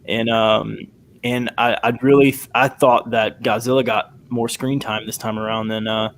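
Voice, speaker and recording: A man's voice: medium pitch, little pitch movement, moderate pace. A man in casual chat, speaking hesitantly with many restarts.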